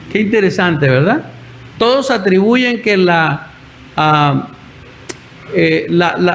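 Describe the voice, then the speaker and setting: A man's voice: high voice, slight background noise, poor audio. A male pastor preaching a sermon, telling the story and acting out the voices in his quotes.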